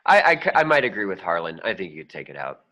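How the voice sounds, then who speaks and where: A man's voice: low-pitched, sing-song, a little fast, pushed and bright, rough recording. A man coaching authors on a group video call, scoring chapter titles with enthusiasm. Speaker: book coach leading a group review.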